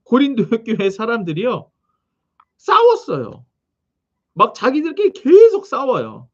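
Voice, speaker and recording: A man preaching a sermon, reading scripture and telling its background in an animated way, with frequent questions to the congregation. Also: very high voice, unhurried, lo-fi sound. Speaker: pastor.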